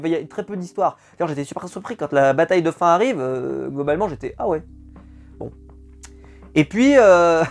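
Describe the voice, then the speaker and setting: Exasperated man reviewing a film. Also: high voice. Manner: exasperated, emphatic, repeats words for effect. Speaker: film critic. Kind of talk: casual spoken film review.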